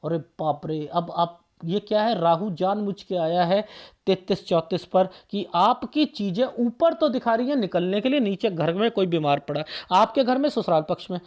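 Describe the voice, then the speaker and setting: A man's voice: high-pitched, expressive, darkish tone. Man firing rhetorical questions, dull lo-fi sound. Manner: rapid rhetorical questions, repeats phrases for emphasis. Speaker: palmist. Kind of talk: explaining a palm reading to viewers.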